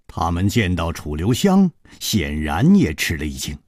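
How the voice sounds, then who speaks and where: A male storyteller reading a serialized novel for radio, his pitch sweeping from low murmurs to high peaks. His voice is husky, and the recording is dry and close with no room sound. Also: wildly swooping pitch, measured pace, a little mellow, dry recording. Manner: dramatic storytelling cadence.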